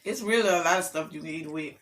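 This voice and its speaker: A woman's voice: low-pitched, quick pace. A woman hosting a casual food tasting vlog, chatting to viewers while she eats and laughing often. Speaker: food vlogger.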